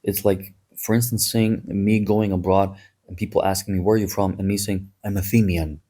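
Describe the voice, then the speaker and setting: A man hosts a history podcast in a loose, conversational manner, drifting into asides and dry jokes. His voice sits low and is a little husky, with a dark, mellow tone. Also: steady tone, moderate pace. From Greece. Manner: chatty, digressive, wry asides. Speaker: podcast host. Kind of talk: casual history podcast talk.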